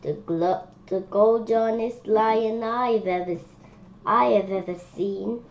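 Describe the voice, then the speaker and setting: A woman presents a children's picture book read-aloud, reading in an unhurried, halting way and adding spontaneous asides and wondering questions. Her voice is medium-pitched, and the lo-fi recording sounds dull with faint background noise.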